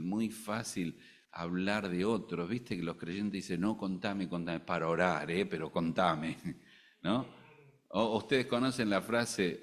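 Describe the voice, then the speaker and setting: An older man from Argentina delivers a sermon in his native Argentine Spanish accent. His voice sits very low and deep. He speaks in an animated way, with humorous asides and loud rises for emphasis. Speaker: preacher.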